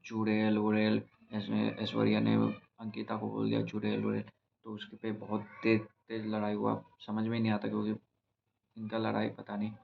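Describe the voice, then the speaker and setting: Young guy recapping a reality show, super flat monotone, keeps restarting, faint hiss behind. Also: fairly low pitch, gravelly. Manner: rambling, halting, with frequent restarts and fillers. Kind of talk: casual spoken episode recap. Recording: slightly dull, lo-fi recording with faint noise.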